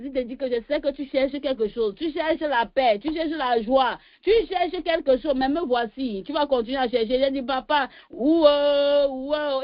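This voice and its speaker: A woman leading a prayer meeting, preaching fervently in call-and-response and breaking into slow chanted praise refrains. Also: high-pitched, no echo. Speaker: prayer leader. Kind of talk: sermon with sung praise. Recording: dull lo-fi sound.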